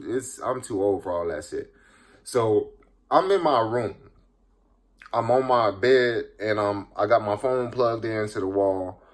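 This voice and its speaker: A young man casually retelling a creepy story, slangy and profane, full of fillers. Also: fairly low pitch.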